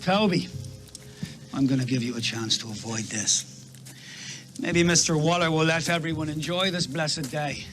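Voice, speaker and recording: An actor playing a harsh male slave overseer who coaxes, then barks orders and shouts them over and over, heard on a film soundtrack with music under it. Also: fairly high pitch, moderate pace, pauses often, natural voice. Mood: coaxing.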